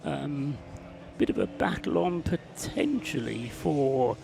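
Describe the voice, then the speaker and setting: Gravelly-voiced male race commentator. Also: fairly high pitch, lively intonation, takes it slowly, noisy background. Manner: chatty, heavy with "uh" fillers. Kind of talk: live race broadcast commentary.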